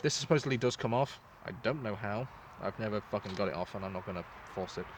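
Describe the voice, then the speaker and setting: A man's voice: fairly low pitch, fast talker, a little hiss or hum. A man giving a casual, informal product review as the host, talking in a loose, sweary way. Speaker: host reviewing gas masks.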